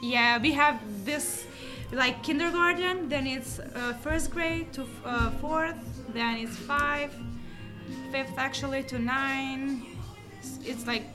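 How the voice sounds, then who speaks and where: A woman in her twenties from Kosovo talks in English with an Albanian accent, her voice sitting a little high. She speaks haltingly, with frequent fillers and restarts. Music plays clearly in the cafe around her. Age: 20s. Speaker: interview guest, coffee shop worker. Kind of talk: casual interview chat. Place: basement seating of a coffee shop.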